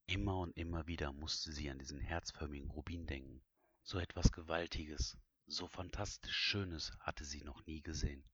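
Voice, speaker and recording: A man's voice: extremely low pitch, steady tone, normal speed, a bit bright, husky, no echo. A man reading an audiobook as narrator in a suspenseful voice that drops to whispers. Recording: dull, dry, lo-fi recording.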